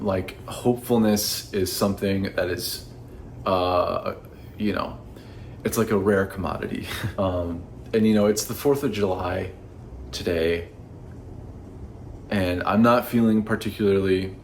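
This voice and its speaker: A man's voice: deep voice, slight background noise. A man gushing about books in a casual vlog, effusive and emotional, with the odd swear word. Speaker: book reviewer. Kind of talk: casual book review vlog.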